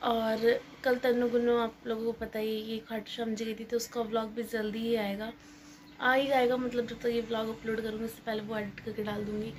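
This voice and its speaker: A woman's voice: fairly high pitch, level tone, fairly quick, darkish tone, slight background noise. A young woman in her twenties narrating her day in a casual vlog voice-over. She chats and grumbles playfully, and her throat is slightly sore. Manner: chatty, complaining in a playful way. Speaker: vlogger. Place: indoors at home.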